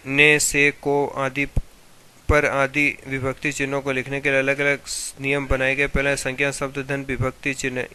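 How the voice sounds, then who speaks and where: A man reads grammar notes aloud like a teacher, line after line from the book. His voice stays almost perfectly level in pitch, with a bright, crisp, clean tone that never rises or falls. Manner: steady monotone reading of a textbook.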